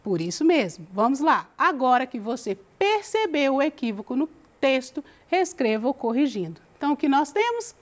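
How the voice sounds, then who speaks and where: A woman teacher gives a lesson. She talks slowly and deliberately and checks in with the student as she goes. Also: sits high, sing-song. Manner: slow, deliberate, reads the text aloud and asks the student questions. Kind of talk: recorded remote lesson.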